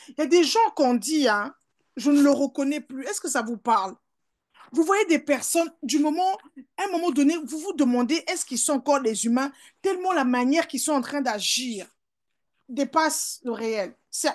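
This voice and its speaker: Fervent high-voiced woman preaching. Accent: French. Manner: fervent preaching with repeated hallelujahs and beloved; rises to emphatic calls, drops to soft asides. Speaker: pastor. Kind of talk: sermon.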